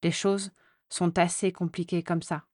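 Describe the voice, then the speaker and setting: A woman voicing a jealous, defensive teenage boy wizard in a quiet, guarded tone. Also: lowish voice, little pitch movement, a little slow, no echo, studio quality, close to an everyday voice.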